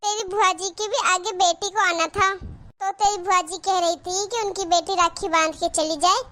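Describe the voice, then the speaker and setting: A woman voicing a caring middle-aged mother in a cartoon, speaking gently and reassuringly in a very high voice. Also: steady tone, moderate pace. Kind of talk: cartoon voice acting.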